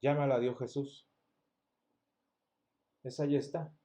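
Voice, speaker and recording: A man's voice: mid-range voice, fairly even intonation, slow, dark tone. A man teaching a Sunday school lesson, explaining patiently and asking the class rhetorical questions. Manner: restarts words often. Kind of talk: church Bible lesson.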